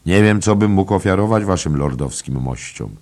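A man's voice: sits low, animated, moderate pace, a little mellow, pitched above the performer's own voice. A man voicing a humble, servile innkeeper from an old-fashioned tale, bowing and apologetic as he speaks.

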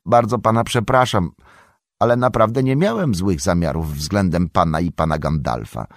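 A man's voice: low-pitched, expressive, normal speed, no echo, clean studio sound. A man voicing a loyal, earnest young male hobbit servant who speaks politely and respectfully in an audiobook. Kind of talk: audiobook character voice.

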